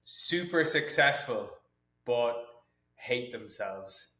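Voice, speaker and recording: A man's voice: mid-range voice, lively intonation, takes it slowly, pushed and bright. A man, a fitness coach chatting as a podcast guest, self-mocking, rambling, laughing often. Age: 20s. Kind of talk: casual chat. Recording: roomy echoey room.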